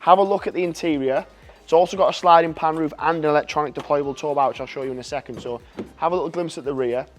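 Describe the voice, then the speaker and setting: A man giving an enthusiastic, chatty walkaround sales pitch for a car. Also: quick pace, faint music behind.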